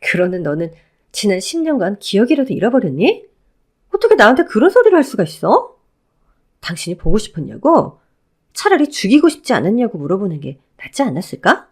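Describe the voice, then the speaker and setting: A woman playing a sharp-tongued divorced woman who answers her ex-husband coldly and with contempt, in a Korean audio drama. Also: medium pitch, big pitch swings, fairly quick, breathy edge. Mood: scornful. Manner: cutting, scornful. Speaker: flight attendant.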